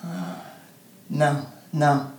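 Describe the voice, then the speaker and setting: A man playing a nervous young man who answers in quick, hushed, evasive bits in an audio drama. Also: on the high side, steady tone. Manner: hushed, fidgety, quick short replies. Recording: roomy echo.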